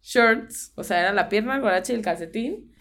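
A young woman with a Mexican Spanish accent speaks at medium pitch and a normal pace, her tone a little bright. She co-hosts a podcast and, chatting casually, recounts a spooky story from her own life, slipping English phrases into her speech.

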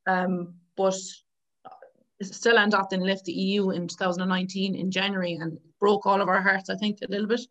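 A woman's voice: mid-range voice, flat delivery, a little fast, lo-fi sound. Irish woman in her 30s, west of ireland accent, just chatting away telling her story in an interview. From Galway, Ireland. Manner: informal, chatty, often quoting past exchanges.

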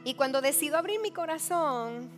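A woman's voice: high voice, animated, moderate pace. Female pastor, earnest confessional testimony over background music. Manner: earnest, confessional, acts out quoted dialogue. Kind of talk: personal testimony sermon. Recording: music playing behind her.

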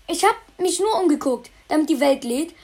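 A woman's voice: high voice, expressive, brisk, darkish tone. Brash teasing young woman gamer. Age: teens. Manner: brash, teasing, swears a lot. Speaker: let's play host. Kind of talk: casual gaming chat.

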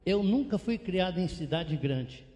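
A man preaching a missionary sermon with animated, repetitive emphasis. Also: high-pitched, unhurried. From São Paulo state, Brazil. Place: church sanctuary. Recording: long church reverb.

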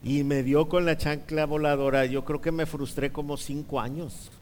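A male preacher tells a funny childhood story to his congregation. His voice sits a little high for a man. It carries a long echo through the church hall. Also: normal speed. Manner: animated, humorous storytelling with rhetorical questions. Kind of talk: sermon storytelling. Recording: reverberant hall.

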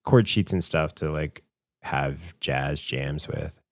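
Rumbling low and slow, a young podcast co-host chats casually in a clean studio recording with no room sound. He rambles, using many fillers and restarts.

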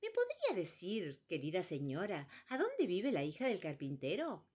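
A woman's voice: lowish voice, huge pitch swings, moderate pace, a little mellow, breathy edge, exaggerated voice. A woman with a Rioplatense Argentine accent voicing a cheerful, well-dressed male number three who speaks politely and proudly.

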